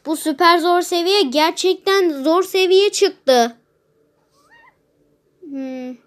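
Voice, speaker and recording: A woman's voice: extremely high pitch, takes it slowly. A woman chatting casually while playing a mobile puzzle game, complaining about hard levels and humming to herself. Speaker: gameplay streamer. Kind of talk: casual gameplay commentary.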